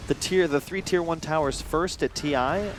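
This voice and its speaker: An American man calling a live esports match with lively play-by-play, quick exclamations and vivid phrasing. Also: fairly high pitch, background noise.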